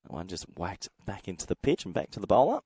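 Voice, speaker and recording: A man from Australia calls a cricket match on his own, his voice a little croaky from a head cold. He sits low in pitch and sounds close and dry, with no room around him, chatting easily between deliveries. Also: sing-song, fast, warm tone, no room sound. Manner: chatty, reads out viewer comments. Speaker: cricket commentator. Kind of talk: solo live sports commentary.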